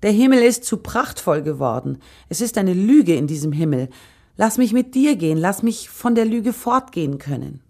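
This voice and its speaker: A woman's voice: sits low, expressive, normal speed, mellow, slightly rough. A woman voicing a longing male angel messenger who questions and pleads in a storybook reading. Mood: pleading.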